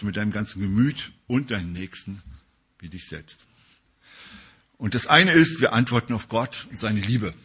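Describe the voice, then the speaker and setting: A man's voice: fairly low pitch, a bit bright, breathy edge. A man preaching a casual sermon to a congregation in a conversational way, with frequent tag questions and hesitations. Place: church service.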